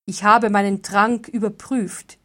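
A woman voicing a proud, self-assured male druid in a storybook reading, with firm, measured, formal speech. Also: mid-range voice, fairly even intonation, natural voice.

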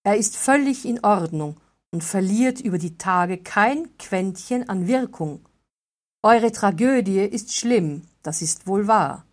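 A woman voicing a proud, self-assured male druid in a storybook reading, with firm, measured, formal speech. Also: medium pitch, animated.

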